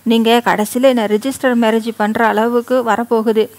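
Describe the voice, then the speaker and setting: A woman's voice: on the high side, level tone, moderate pace, lightly acted. Woman reading an anxious, pleading young wife. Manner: pleading, soft-spoken.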